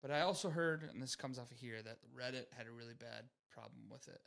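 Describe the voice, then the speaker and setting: Easygoing podcast co-host. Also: male voice, mid-range voice, fast talker, gravelly, fairly bright tone. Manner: easygoing, speculative, reading news aloud. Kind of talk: casual podcast chat.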